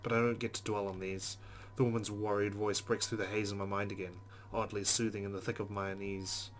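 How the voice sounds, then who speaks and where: A let's player reads a visual novel's first-person narration aloud, dramatically voicing the on-screen game text. His voice is lowish and level, with a slightly fast pace. Noticeable background noise runs through the recording.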